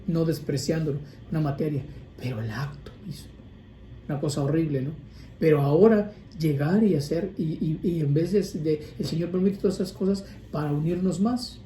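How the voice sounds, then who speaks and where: A man's voice: on the high side, fairly quick, dark tone. A male priest giving an informal, conversational sermon on prayer, often restarting and adding asides. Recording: echoey room with faint ambient noise.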